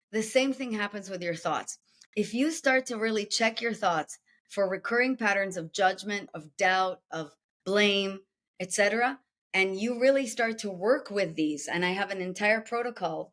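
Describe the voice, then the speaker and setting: Her mid-range voice has a fairly bright tone as this Israeli-accented woman, a guest executive coach, is interviewed. She describes her approach by posing rhetorical questions and listing steps.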